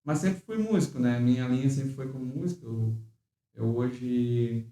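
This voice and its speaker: An older man, a church bassist chatting casually with many restarts and tag questions, recorded in an echoey room from a distance. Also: normal speed, dark tone. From Rio Grande do Sul, Brazil. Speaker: church bassist and worship leader. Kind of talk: casual chat.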